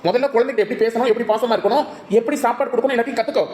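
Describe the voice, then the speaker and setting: A woman's voice: fairly high pitch, natural voice. A woman voicing a stern but caring village husband and father with a Tirunelveli Tamil accent, lecturing in a cartoon. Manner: lecturing, rapid-fire. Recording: echoey with music.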